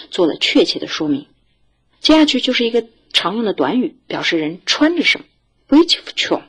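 A woman teaching a recorded language lesson, her voice lower and a little husky. She explains each point with a lively, rising and falling tone, then reads model sentences slowly for the class to repeat.

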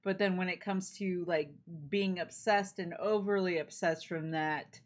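A woman co-hosting a movie reaction, chatting casually with quick agreements. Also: fairly low pitch, fairly even intonation. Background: faint movie soundtrack.

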